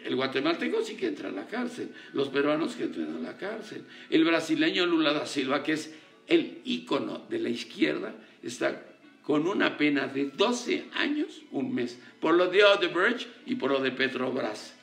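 A man's voice: fairly high pitch, moderate pace, creaky, echoey room, soft background music. An older man with a Mexican accent giving casual, sarcastic political commentary as a talk show host. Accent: Mexican Spanish. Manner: animated, sarcastic, mocking.

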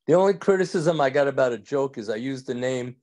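An older rabbi with a New York accent jokes and rambles with his evening class over a video call from home, laughing often. His medium-pitched voice is animated, quick and a little mellow, picked up by a phone or webcam indoors.

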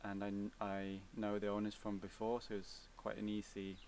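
Young Swedish-accented man, casual and halting, level low delivery, recorded outdoors from a few feet away. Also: distant mic, a little hiss or hum. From Sweden. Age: young adult. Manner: relaxed, hesitant, many fillers and restarts. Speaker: vlogger. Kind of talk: casual Q&A answers. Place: outdoors, seated on a cabin bench by woods.

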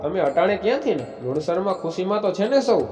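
A man's voice: sits high, expressive, quick pace, darkish tone, roomy sound, in a large hall, soft background music. A man voicing a proud Rajput warrior chief. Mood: resolute.

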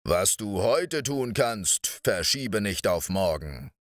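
A man doing a huge, man-eating giant who growls low and drags out every word. His voice is deeper and rougher than the reader's own, and the sound is close and dry. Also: sing-song, no room sound. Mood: gruff. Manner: slow, menacing growl.

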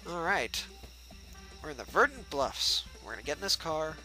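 Lively joking man streaming a game. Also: a little high, normal speed, soft background music, poor audio. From United States. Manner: joking, chatty, talks to the game characters. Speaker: gameplay livestreamer. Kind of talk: casual let's-play commentary.

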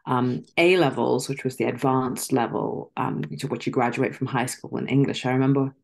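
A middle-aged woman from Zimbabwe talks over a video call, and her voice carries a gravelly, creaky texture. She is articulate and thoughtful, pausing on ums as she reflects in casual interview chat. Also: very deep voice, level tone. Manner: articulate, reflective, with soft laughs and filler ums. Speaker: actress and guest. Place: dim room at home.

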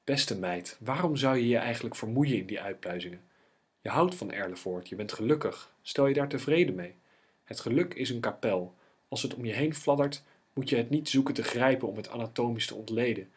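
A gentle, reflective young man from an old novel, read by a male narrator. He speaks softly and without hurry, close to the reader's own voice, with a husky grain. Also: medium pitch, brisk, natural voice. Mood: tender.

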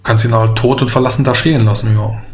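A man's voice: mid-range voice, fairly even intonation, fast talker, over music. A man narrating a tabletop role-playing game as game master, in a descriptive, explanatory way.

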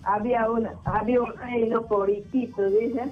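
A man's voice: very high voice, flat delivery, normal speed. A man from Peru calling in by phone, telling a joke in a casual storytelling way and acting out the characters. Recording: muffled phone line with faint music.

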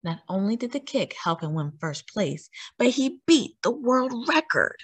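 Reading a children's story to young listeners, a woman uses an animated, emphatic delivery, swooping her intonation, drawing out words, and leaning on key ones. Her voice is medium in pitch with a husky edge. She's a storytime host, recorded close and dry with no room sound.

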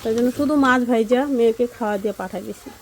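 A woman's voice: fairly high pitch, fairly even intonation, racing, slight background noise. A woman, chatting casually and rambling with many fillers as she vlogs while cooking at home. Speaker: vlogger. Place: home kitchen and yard.

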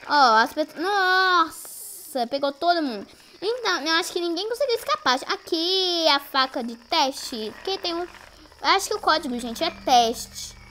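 A woman's voice: very high-pitched, animated, measured pace, sharp tone, slight background noise. A woman giving live gameplay commentary as a YouTuber, jumpy and easily frightened, shrieking at scares and constantly talking to her viewers. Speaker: gaming YouTuber.

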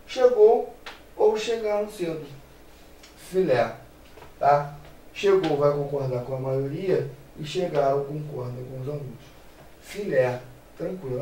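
A male teacher with a Brazilian accent gives a playful, animated grammar lesson, asking and answering his own questions. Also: sits high, reverberant, distant mic, poor audio. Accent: Brazilian Portuguese.

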